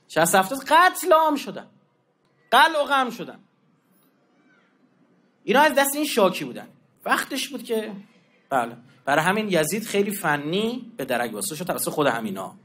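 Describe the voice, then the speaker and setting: Male lecturer, high voice, animated and informal, acts out the dialogue in his stories. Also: long pauses. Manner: animated storyteller, acting out quoted exchanges; informal street slang and asides. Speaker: religious lecturer. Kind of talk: colloquial religious history lecture.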